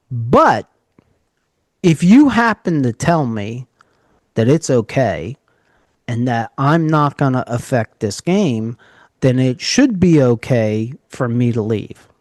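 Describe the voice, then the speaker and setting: Animated joking podcast host man. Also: medium pitch, slow, no room sound. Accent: New York area. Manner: animated storyteller, jokey. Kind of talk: casual podcast chat.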